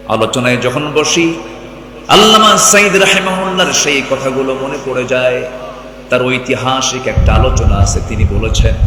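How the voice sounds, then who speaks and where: A man's voice: medium pitch, sharp tone. A man preaching a sermon, telling a story in fervent, surging declamation and calling out to the crowd. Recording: echoey PA in a large hall with long reverb and faint noise.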